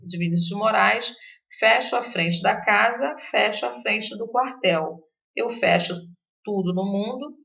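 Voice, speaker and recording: Gravelly-voiced woman teaching literature. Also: medium pitch, a bit bright. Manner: hesitant, many fillers and restarts. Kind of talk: recorded online lesson. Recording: dull lo-fi recording.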